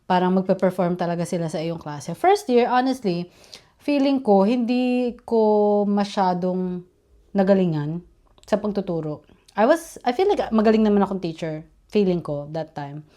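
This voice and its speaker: A woman's voice: mid-range voice, animated, moderate pace, dark tone. Young Filipino-accented woman, candid and chatty, mid-range voice, vlog storytelling. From Philippines. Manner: chatty, mixes English and Tagalog, candid. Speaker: vlogger, teacher.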